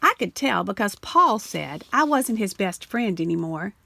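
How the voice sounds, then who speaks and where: Gravelly-voiced woman reading a picture book aloud. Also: no echo. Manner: animated storytelling, slowing and dropping low on the refrain. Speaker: storybook reader. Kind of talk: expressive read-aloud of a children's picture book.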